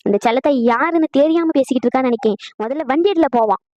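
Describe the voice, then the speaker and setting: A woman voicing a sharp-tongued, combative old mother-in-law, scolding quickly. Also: sits high, dry recording, natural voice. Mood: indignant. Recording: dull lo-fi dry audio.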